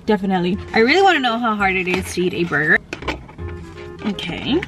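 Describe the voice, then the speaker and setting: A woman's voice: mid-range voice, very animated, brisk, over music. A young woman in her twenties chatting casually in a vlog, giggly and full of "like", filmed on a handheld phone. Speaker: beauty vlogger. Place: in a car and out on errands.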